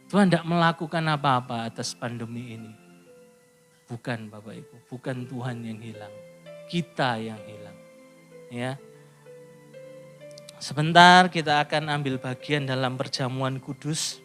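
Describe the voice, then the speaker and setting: Middle-aged pastor, high voice, preaching in church over quiet piano. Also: male voice. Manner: animated preaching, rising high then dropping to a near hush. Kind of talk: sermon. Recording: soft piano music behind.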